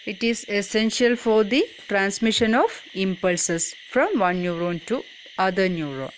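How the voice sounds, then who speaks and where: A woman's voice: medium pitch, expressive, unhurried, slight background noise. A woman reading a scripted educational narration for a school lesson. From Kerala, India.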